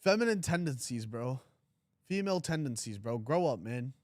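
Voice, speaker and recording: A man's voice: mid-range voice, animated, moderate pace, no echo, clean studio sound. Blunt young man chatting on a livestream. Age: 20s. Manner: blunt, teasing, reads chat aloud. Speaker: livestream trading host. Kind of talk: casual livestream chat.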